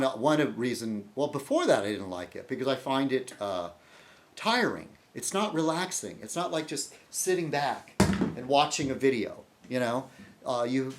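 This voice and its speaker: Guy rambling on his weekly vlog, talks to commenters, voice jumps around a lot. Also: medium pitch. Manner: rambling, self-interrupting, addresses commenters. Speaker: video blogger host. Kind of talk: casual vlog monologue.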